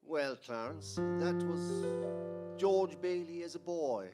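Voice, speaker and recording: A man's voice: on the high side, slow pace, loud music behind the voice. A man playing a benevolent, authoritative head angel in a radio drama, instructing and storytelling in an avuncular way. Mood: reminiscing. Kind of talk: old-time radio drama acting.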